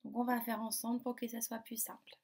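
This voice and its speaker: A woman teacher giving a phonics lesson to young children, slowly sounding out syllables and words. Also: on the high side, flat delivery, vocal fry, darkish tone. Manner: slow, carefully articulated, sounding out syllables. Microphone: device camera.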